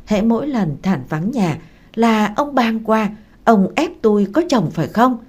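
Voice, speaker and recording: A woman's voice: on the high side, animated, a little slow, a little mellow, husky. A woman voicing a fierce, defiant young wife who scolds sharply. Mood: angry.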